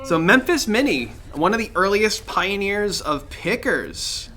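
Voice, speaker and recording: A man's voice: sits high, big pitch swings, a little slow, bright, forceful tone. A man co-hosting a music podcast, chatting casually with a joking, rambling manner and plenty of fillers. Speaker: podcast co-host. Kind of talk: casual chat.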